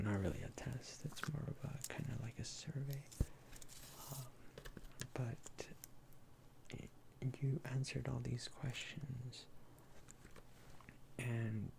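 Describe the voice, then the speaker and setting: A soft, mellow ASMR role-play in the manner of a gentle therapist, from a speaker of unclear sex. The delivery is slow and halting, with a gravelly fry at the edges and some background noise. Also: mid-range voice.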